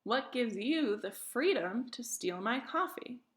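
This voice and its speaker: A woman's voice: fairly high pitch, expressive, takes it slowly. A woman reading the part of a defensive, greedy male colonial merchant in a classroom play, wheedling and protesting. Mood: pleading.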